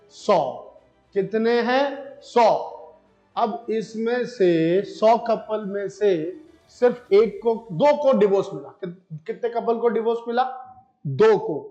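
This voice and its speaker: An Indian man giving a chemistry lesson, asking his students questions and answering them himself, and saying key terms slowly. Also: high-pitched, a little mellow. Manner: mixes Hindi with English terms. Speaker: chemistry teacher. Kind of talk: classroom lecture. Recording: echoey room, slightly dull sound.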